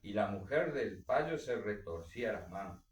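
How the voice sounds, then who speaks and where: A man reading a story aloud for a book club, dramatic, with strong swings in pitch and volume. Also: expressive, moderate pace. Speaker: reader. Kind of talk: literary reading. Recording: roomy echo, distant mic.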